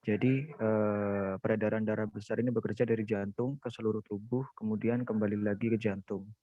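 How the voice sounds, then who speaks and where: A young man, a student, quietly explaining an answer in an online class over a video call. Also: lowish voice, fairly quick, no room sound. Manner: quiet, flat, steady explaining. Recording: dry, tinny phone-like call audio.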